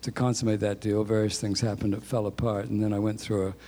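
Talking fast in a lowish, level voice with a dark tone, a sixty-something music executive jokes at his own expense while recounting his career as an interview guest. He was born in England and raised in New Zealand. A long reverb tail and slight background noise come through in the audio.

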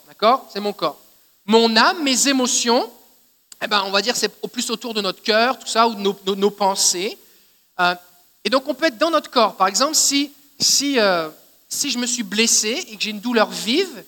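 A man with a Québécois French accent preaches a sermon in a high, bright and sharp voice. He teaches in a chatty way and keeps checking that his listeners follow. His voice rings with a long reverb, as in a church hall. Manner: conversational teaching, often checking in with "d'accord?". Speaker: pastor.

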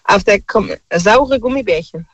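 A man calls in to a talk show over a dull, dry phone line. His voice sits high for a man. He talks in a relaxed, hesitant way with many fillers. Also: measured pace, dry recording. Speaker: caller. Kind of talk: casual phone-in chat. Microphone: telephone.

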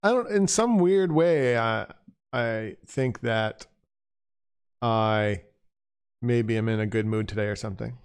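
A man's voice: fairly low pitch, slow, pauses often, clear, resonant tone. A man giving a casual spoken critique of a bagpipe performance as an instructor. He is conversational and digressive, thinking aloud as he goes.

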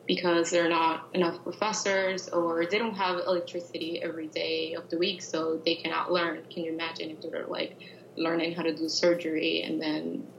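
Woman, lower voice, roomy lo-fi. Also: creaky, a little hiss or hum. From Venezuela. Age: 20s. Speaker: interviewee. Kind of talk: interview answers. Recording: roomy, dull lo-fi audio.

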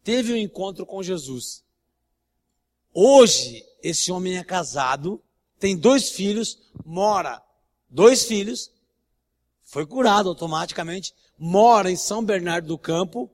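Brief: Brazilian Portuguese-accented male pastor, high voice, emphatic and blunt, repeats lines, reverberant hall. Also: animated, a little slow. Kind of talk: sermon with anecdotes. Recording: long church-hall reverb.

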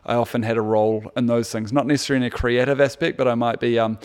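A man with a New Zealand accent, a guest in a casual interview, telling stories about his past in a relaxed, reflective way. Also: mid-range voice, fast talker, clean tone. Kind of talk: casual chat.

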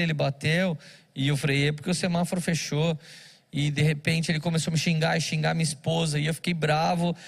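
A pastor delivering a sermon, a man whose fairly high voice carries a gravelly edge. He tells stories and acts out each person's lines as he goes. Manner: storytelling with acted-out dialogue.

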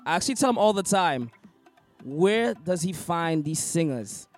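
A male DJ hosts this interview over a video call with a notably high voice. He gushes, leans on emphasis and repeats himself as he praises his guests. Soft music plays faintly underneath. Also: lively intonation, normal speed. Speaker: DJ and interview host. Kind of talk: casual interview chat.

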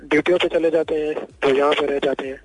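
A man's voice: fairly high pitch, fairly even intonation, fairly quick, noisy background. A man with a Punjabi accent calling in to a radio show by mobile phone. He gives short, matter-of-fact answers, and his voice clips and distorts because he holds the phone too close. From Pakistan. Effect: clipping, distorted phone line. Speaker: caller, soldier on duty. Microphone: mobile phone held too close. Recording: distorted phone call with faint music.

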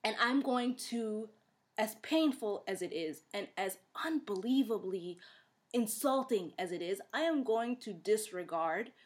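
A woman co-hosting a podcast, ranting in a heated, animated way and quoting people mockingly. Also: medium pitch, a little slow. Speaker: podcast co-host. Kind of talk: casual podcast chat.

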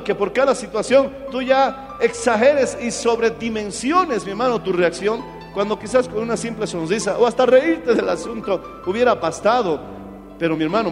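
A man's voice: high-pitched, long reverb tail. A male pastor preaching a sermon, telling stories dramatically and addressing listeners as brothers. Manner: dramatic storytelling, acting out quotes, calls listeners "my brother".

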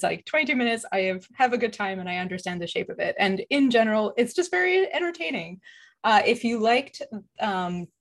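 A woman co-hosting a casual podcast, talking in a wry, animated way about what she watches. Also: medium pitch. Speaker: podcast co-host. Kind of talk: casual book-club chat.

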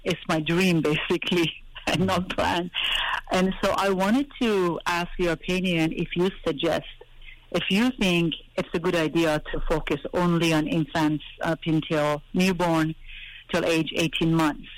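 A woman's voice: lowish voice, steady tone, measured pace. A middle-aged woman calling in over a phone line, hesitant and searching for her words. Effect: heard over a phone line. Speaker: caller. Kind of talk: call-in question.

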